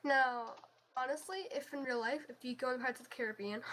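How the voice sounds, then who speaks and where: A woman chatting excitedly as a guest on a game tour, rambling in quick bursts. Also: high-pitched, a little hiss or hum, low-quality recording. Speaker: guest co-host. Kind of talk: casual game tour chat.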